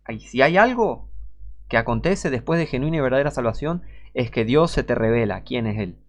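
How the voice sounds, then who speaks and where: A man's voice: mid-range voice, expressive, fairly quick. A man with a Rioplatense Spanish accent preaching an informal sermon, emphatic and rhetorical, talking straight to the listener.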